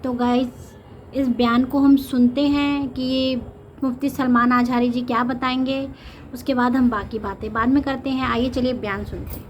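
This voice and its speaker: A woman's voice: high voice, little pitch movement, moderate pace, a little hiss or hum. A woman with an Indian accent opening her reaction video in a casual, friendly way and asking viewers to subscribe. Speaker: reaction channel host. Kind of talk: casual vlog intro.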